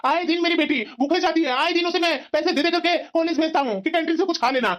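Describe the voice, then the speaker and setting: A woman voicing a gruff middle-aged father in a cartoon family story who spoils his daughter and scolds the household. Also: very high-pitched, fast. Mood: scolding. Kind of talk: cartoon voice acting. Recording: muffled lo-fi.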